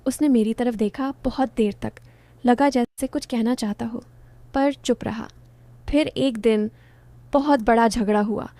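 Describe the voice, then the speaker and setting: A young woman narrating an emotional first-person story in a soft, heartfelt, confiding way. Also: on the high side, a little slow, no room sound.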